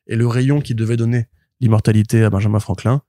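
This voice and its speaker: A man co-hosting a comics podcast, retelling a plot in an animated, rambling way full of fillers and restarts. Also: mid-range voice, fast talker, no room sound, studio quality. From France. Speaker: podcast co-host, comics reviewer. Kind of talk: casual podcast chat.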